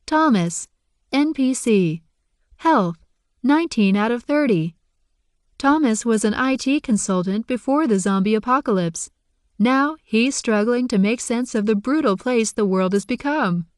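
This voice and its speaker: A woman's voice: fairly high pitch, animated, unhurried, no room sound, studio quality. A woman voicing a formal game system announcer that reads out stats and quests in an audiobook. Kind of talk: audiobook narration.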